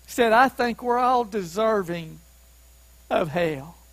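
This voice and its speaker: A man preaching a sermon as pastor, who asks the listeners questions and rises to emphatic shouts on key points. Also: sits high, takes it slowly, no echo, low-quality recording. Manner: asks the congregation questions to keep them following.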